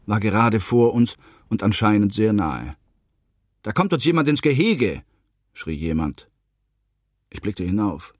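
A man reading a literary novel aloud as a narrator, in a measured, earnest storytelling manner with a husky voice. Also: mid-range voice, a little mellow, dry recording, studio quality. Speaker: audiobook narrator.

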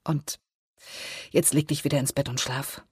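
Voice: mid-range voice, fairly even intonation, measured pace, a little mellow, husky, no echo, studio quality. A reader doing a tearful, resigned older sister. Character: young woman, tearful weary older sister. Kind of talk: audiobook character voice.

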